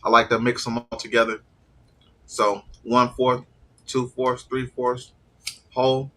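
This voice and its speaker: A man's voice: medium pitch, flat delivery, a little slow, pushed and bright. A man with a stuffy nose from allergies, chatting casually and rambling during a live stream. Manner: laid-back, trailing off with fillers. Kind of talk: casual rambling chat while eating.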